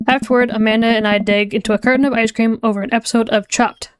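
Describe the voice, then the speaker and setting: A woman's voice: a little high, steady tone, quick pace, clear, resonant tone, dry recording, soft background music. A woman streamer reading a visual novel aloud, with playful, chatty narration.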